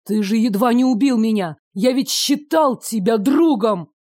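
A woman's voice: a little high, measured pace, dark tone, dry recording, clean studio sound. A woman reading an audiobook, voicing an earnest young male hero who reasons urgently with his captors. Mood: shocked.

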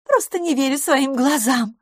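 Gushing young woman, breathless and bright, read by a woman, voice leaping high, dry studio sound. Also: expressive, normal speed, no echo. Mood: amazed.

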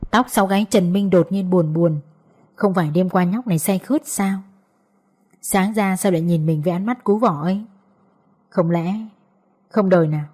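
Female audiobook narrator, mid-pitched, mellow and soft-edged, reading scripted fiction.

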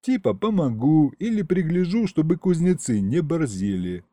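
A man's voice: on the high side, sing-song, normal speed, mellow, no echo, pitched above the performer's own voice. Man voicing a slangy thug imp. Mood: eager. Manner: slangy, tough street talk. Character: streetwise male imp henchman, eager thug. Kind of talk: audiobook character voice.

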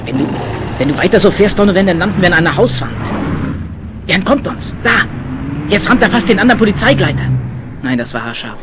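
An actor playing a brisk young agent chasing a suspect, clipped and commanding, in a 1970s radio play. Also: male voice, fairly high pitch, noisy background, lightly acted. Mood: urgent. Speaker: Finn Coalcrod.

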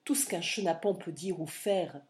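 A woman's voice: lowish voice, moderate pace, darkish tone, close to an everyday voice. A woman voicing a haughty young male lord who speaks with contempt and disdain, in an audiobook reading. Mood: scornful.

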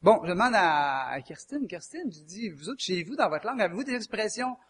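Quebecois guy preaching, high voice, folksy and chatty, keeps asking the crowd stuff. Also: sing-song, a little fast, a bit bright. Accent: Québécois French. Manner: folksy, chatty, quizzes the audience. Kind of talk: conversational sermon.

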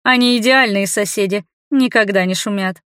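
A woman's voice: medium pitch, normal speed, fairly bright tone, smooth, no echo, clean studio sound, close to an everyday voice. A woman voicing a mocking teenage male vampire who talks through a closed door in a capricious, teasing manner.

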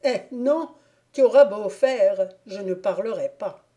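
A heartsick young miller's lad pleads in slow, unhurried lines, voiced by a woman reading an audiobook. His voice is warm and mellow, and he sighs over his sorrows. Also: mid-range voice, lightly acted. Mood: despairing. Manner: plaintive, impassioned pleading. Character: young lovesick miller's lad, sighing, despairing.

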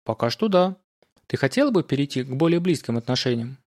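Narrator voicing a calm, gently teasing scholar friend; unhurried, near his own voice. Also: medium pitch, lightly acted. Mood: gentle. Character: calm, teasing older male scholar comrade.

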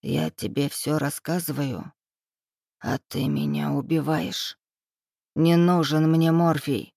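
A reader voicing a cruel, dying older man bound to a bed, hoarse and sneering, in an audiobook. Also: medium pitch, takes it slowly, a little mellow, no room sound, clean studio sound. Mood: gloating menace. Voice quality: hoarse, wheezing. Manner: sneering, hissing, gloating. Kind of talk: audiobook character voice.

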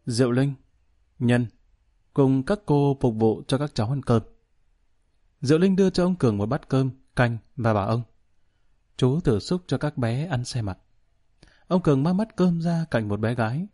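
A man narrating a novel as a storyteller, in a calm, measured way. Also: medium pitch. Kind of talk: audiobook narration.

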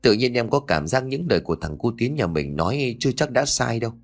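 A man voicing a worried young village wife and mother in a ghost-story audiobook, speaking anxiously and softly. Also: medium pitch, very animated, a little fast. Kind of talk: audiobook character voice.

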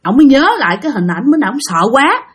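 A woman's voice: high-pitched, big pitch swings, fast talker, husky. A woman with a Southern Vietnamese accent telling a ghost story in a chatty, casual way, often speaking directly to listeners.

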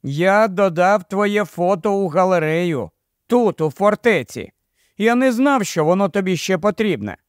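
A man reading an audiobook, voicing a quiet, secretive young man who speaks calmly and holds things back. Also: high voice, unhurried, no room sound, clean studio sound. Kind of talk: audiobook character voice.

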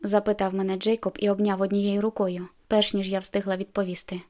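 A woman narrating a novel in the first person, in a measured, intimate storytelling manner. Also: mid-range voice, level tone, mellow. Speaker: audiobook narrator.

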